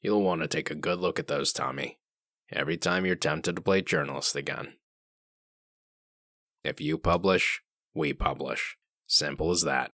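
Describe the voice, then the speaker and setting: A man playing a gruff, terse wolf sheriff in a comic dub, commanding, dryly sardonic and menacing. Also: a bass voice, moderate pace, pauses often, bright, forceful tone, no room sound, studio quality, full character voice. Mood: cold threat. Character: gruff hard-boiled male wolf sheriff, menacing and dry.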